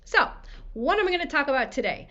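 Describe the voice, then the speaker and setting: An American woman giving a recorded conference talk, friendly and quick-talking, her voice scratchy from a cold. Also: sits high, sing-song, a bit bright, muffled recording. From USA. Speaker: conference speaker. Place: home room lined with books.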